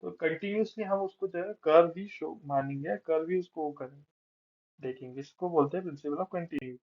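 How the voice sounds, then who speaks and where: एक पुरुष शिक्षक, हिंदी-अंग्रेज़ी मिलाकर समझाते हुए, धीमी धुंधली recording. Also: male voice, a little high, lo-fi sound. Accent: Indian. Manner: mixes Hindi explanation with slowly read English passages, many filler phrases. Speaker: psychology teacher. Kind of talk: explaining a lecture, reading out English text slowly.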